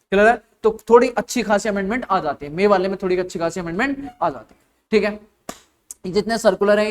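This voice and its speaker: A young Indian man teaching a classroom lecture, quizzing students with short repeated questions and answering them himself. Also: high voice.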